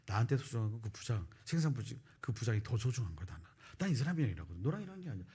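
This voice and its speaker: Fast-talking husky male pastor. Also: mid-range voice. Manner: animated storytelling, acting out quoted voices. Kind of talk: sermon with personal story. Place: church sanctuary.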